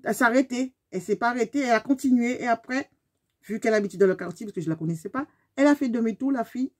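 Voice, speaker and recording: A woman, telling a story to her viewers in a lively, emphatic way. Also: on the high side, very fast. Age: 50s. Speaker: beauty vlogger. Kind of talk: storytime vlog.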